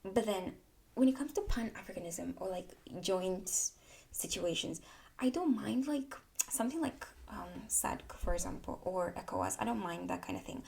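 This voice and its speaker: A woman's voice: mid-range voice, expressive, moderate pace, creaky, darkish tone. A woman from Tanzania, English her second language, giving a candid opinion monologue with repeated words for emphasis. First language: not English. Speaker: political commentary vlogger. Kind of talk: casual opinion monologue to camera.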